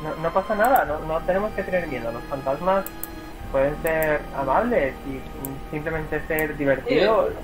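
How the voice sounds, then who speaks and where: Young game player, casual in-character chat, middling pitch, clear music under the call. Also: lively intonation, moderate pace, reverberant, poor audio. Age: young adult.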